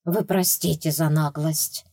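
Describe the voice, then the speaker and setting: A woman voicing a shy, courteous ghostly rat diplomat who speaks slowly and apologetically. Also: sits low, steady tone, mellow, breathy edge, dry recording, clean studio sound, exaggerated voice. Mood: polite.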